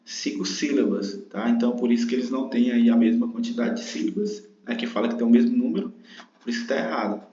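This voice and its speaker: A man's voice: medium pitch, quick pace, dark tone. Man teaching a grammar lesson in a roomy, dull recording. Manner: explanatory, frequent tag questions. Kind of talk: exam-prep grammar lesson.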